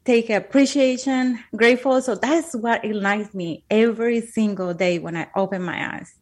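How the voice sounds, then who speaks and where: Speaking at normal speed in a voice on the high side, a woman from Colombia shares heartfelt personal stories as an interview guest. English is her second language and she has a Colombian Spanish accent; she is earnest and emphatic, repeating words while thinking.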